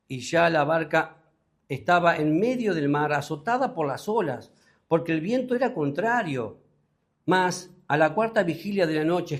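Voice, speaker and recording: High-voiced Rioplatense pastor preaching. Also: male voice. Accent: Rioplatense Spanish. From Uruguay. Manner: preaching with sudden rises in pitch and loudness, asking the congregation questions. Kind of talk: sermon.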